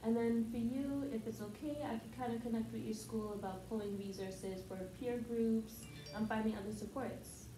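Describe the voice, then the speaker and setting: A woman's voice: on the high side, steady tone, moderate pace, few pauses, lightly acted. Girl acting as a polite counselor, lots of ums, echoey classroom, noisy. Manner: polite, hesitant, many ums and okays. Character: calm, patient family counselor. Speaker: counselor in a skit. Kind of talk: student skit role-play. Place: classroom with a table. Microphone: far camera. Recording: echoey room, background noise.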